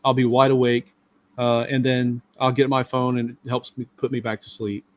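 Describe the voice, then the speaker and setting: A man's voice: mid-range voice, flat delivery, normal speed. A middle-aged man hosting a live stream, talking casually and at length with many fillers. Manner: rambling, talkative, lots of fillers.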